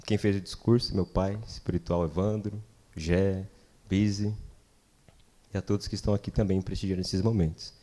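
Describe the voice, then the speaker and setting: A man's voice: low voice, little pitch movement, moderate pace, mellow. A man with a Brazilian Portuguese accent, a groom giving an earnest, devout thank-you speech. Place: wedding reception.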